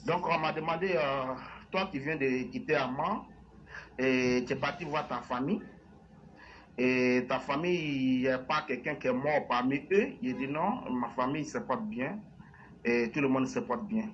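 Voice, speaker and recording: An Ivorian man from Man, in western Côte d'Ivoire, calls in to a live show and gives a personal testimony in halting, informal French, repeating phrases. His mid-range voice carries an Ivorian French accent with an English-sounding tinge. The call is lo-fi and dull, with faint noise.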